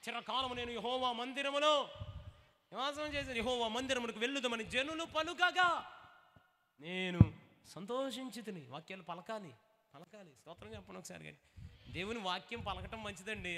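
A man preaching a lively revival sermon, calling for responses and acting out short comic dialogues. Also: high voice, moderate pace, long reverb tail, a little hiss or hum. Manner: animated, acts out dialogues in put-on voices, calls for responses.

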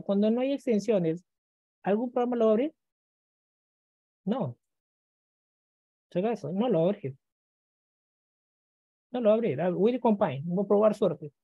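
Very dark-voiced male teacher, dull lo-fi sound. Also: sits high, no room sound. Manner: keeps checking in with listeners; acts out students' questions and answers them himself. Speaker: computer teacher. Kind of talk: screen-recorded lesson.

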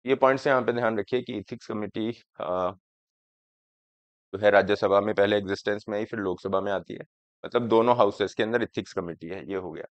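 A hoarse man in his thirties with a cold teaches an exam prep class on current affairs in Hindi mixed with English, standing in front of a screen in a studio classroom. His voice is fairly low and he explains each point slowly, often asking whether students are following. The recording is dry and slightly dull.

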